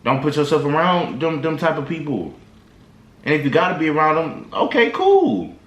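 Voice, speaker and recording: On the high side with big swings in pitch, this man talks at a moderate pace. He gives his viewers rambling, slangy motivational advice straight to camera, restarting a lot. Echo from the room is audible.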